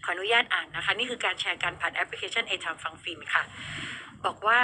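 Fast-talking bright woman radio DJ. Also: lowish voice, slight background noise. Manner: chatty, addresses listeners directly. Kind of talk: casual radio chat.

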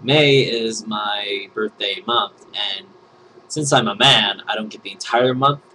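A man's voice: lowish voice, slow, pushed and bright, slight background noise, poor audio. A man vlogging in a casual chat about trending topics, joking and rambling, now and then slipping into silly put-on voices.

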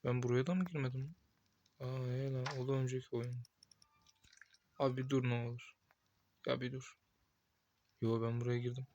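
A young man playing a horror game, talking to himself with excited outbursts and cursing at the game. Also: medium pitch, normal speed, pauses often, muffled recording, a little hiss or hum. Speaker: gameplay streamer. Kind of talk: casual gameplay commentary.

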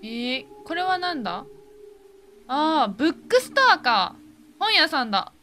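A gaming host talks casually as she plays, her easy scares showing up as repeated words and frequent startled exclamations. The woman's high voice swings widely in pitch, unhurried, pushed and bright. A little hiss or hum sits under it.

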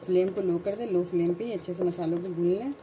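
Woman talking you through a recipe step by step, low mellow voice, faint sizzle behind. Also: quick pace, slight background noise, low-quality recording. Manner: calm step-by-step instructions. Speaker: cooking channel host. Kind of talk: cooking tutorial voice-over.

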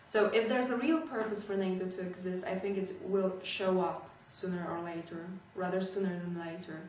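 Young polish woman, lowish voice. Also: fairly even intonation, moderate pace, darkish tone, slight background noise. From Poland. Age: young adult. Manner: thoughtful, hesitant with fillers. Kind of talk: interview answer. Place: indoor room with lamp and furniture. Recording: echoey room, distant mic.

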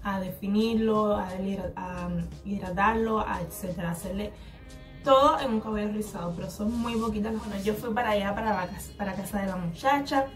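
A woman with a Cuban Spanish accent tells a rambling storytime in a loose, chatty way, slipping into the voices of the people in it. Her voice sits at an ordinary middle pitch. She is picked up a little away from the mic, with faint music running underneath. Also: a little fast. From Cuba. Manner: chatty, rambling, acts out the other person's replies. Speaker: hair vlogger. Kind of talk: casual storytime vlog. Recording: slightly distant mic with faint background music.

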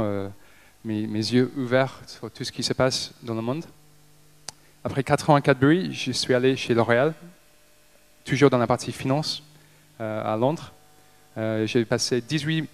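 A company director from Liverpool, England, a native English speaker in his 30s, gives a talk into a handheld mic on a stage in an event hall before a seated audience. He speaks haltingly, often hesitating and restarting, in a smooth, mid-pitched voice.

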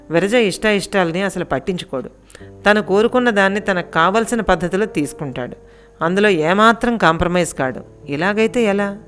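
Calm woman narrating an audio story. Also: on the low side.

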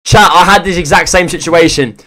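A man's voice: on the high side, a little fast, pushed and bright. A man hosting a reaction video, talking casually to his chat, rambling and repeating himself.

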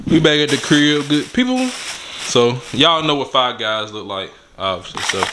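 A man's voice: mid-range voice, echoey room, very noisy. A young man hosting a casual vlog from a living room sofa, laid-back but hyping up his viewers. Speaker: vlog host.

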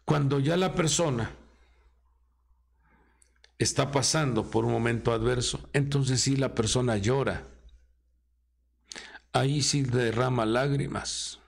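A man preaching a sermon dramatically, his pitch rising high and dropping low as he acts out quoted voices. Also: slow pace, gravelly, pauses often. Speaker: apostle preaching.

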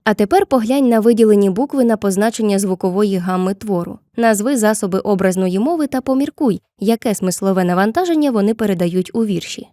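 A woman narrating a scripted literature lesson with clear, measured explanations, slowing down to read poem lines. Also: medium pitch, lively intonation, dark tone, dry recording, clean studio sound. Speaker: teacher.

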